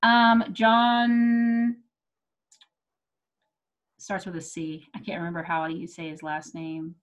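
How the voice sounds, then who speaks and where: A woman's voice: fairly low pitch, level tone, slow pace. American woman chatting, thinking aloud. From Texas, United States. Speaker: comedian and comedy show producer. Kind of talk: casual chat.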